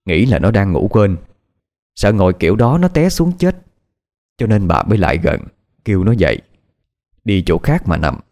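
A man with a Southern Vietnamese accent narrating a horror tale, expressive and dramatic. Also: on the low side, moderate pace, long pauses.

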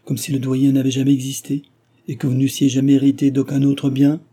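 A man's voice: mid-range voice, completely flat delivery, brisk, dark tone, breathy edge, voice pushed up, natural voice. A man voicing a proud, agitated young male suitor in a storybook reading, speaking in an impassioned, pleading way.

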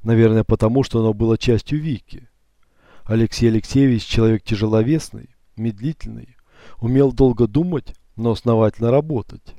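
A man narrating an audiobook in the first person, with a calm, measured reading. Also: medium pitch, no room sound.

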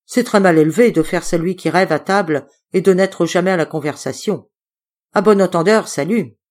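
A woman reading an audiobook, voicing a grumpy, quick-tempered old uncle who scolds loudly. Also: lightly acted. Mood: stern. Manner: scolding, gruff and booming.

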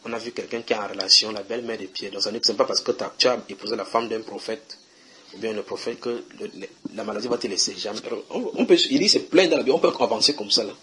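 Bright-voiced preacher man. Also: fairly low pitch, fast talker, slight background noise. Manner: conversational, questions listeners while reading verses. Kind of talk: house-church Bible teaching.

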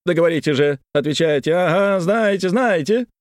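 A man voicing a fussy, excitable middle-aged nobleman who talks in a shrill, badgering way in an audiobook. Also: normal speed, dry recording, clean studio sound. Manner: shrill, badgering, high-pitched.

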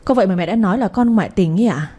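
A woman's voice: mid-range voice, expressive, very fast, mellow, slightly rough. A woman voicing a young wife who defends herself earnestly and politely. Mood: indignant.

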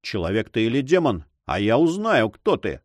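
A man's voice: medium pitch, very animated, normal speed, no echo, studio quality. A man reading an audiobook, voicing a passionate young man who speaks fervently and pleadingly. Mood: ardent.

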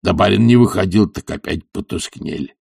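A man voicing an old male servant who grumbles out excuses in a breathy half-whisper. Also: deep voice, animated, fairly quick, darkish tone, dry recording, studio quality, heavily acted. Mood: grumbling. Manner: mumbling excuses.

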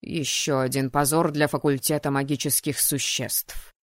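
A woman reading an audiobook voices a stern male academy dean who gives curt, sharp reprimands. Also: very deep voice, flat delivery, moderate pace, dry recording, studio quality, pitched below the performer's own voice.

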